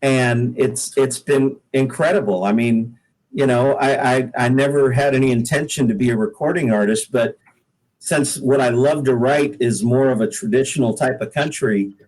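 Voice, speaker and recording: A singer-songwriter from the Pacific Northwest of the United States is interviewed and tells stories in a casual, folksy, modest way. His medium-pitched voice has a darkish tone, moves at normal speed, and the audio is poor.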